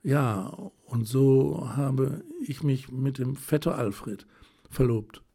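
A man voicing a shy, tender young woman who is quick to tears, speaking softly and often in a whisper with a hesitant, wistful manner. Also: medium pitch, vocal fry, breathy edge, pitched above the performer's own voice, heavily acted.

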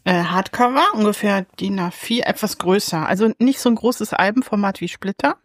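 A woman's voice: medium pitch, moderate pace, no echo, studio quality. A woman co-hosting a casual podcast chat, talking with enthusiasm, thinking aloud and laughing often. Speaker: podcast co-host reviewing comics.

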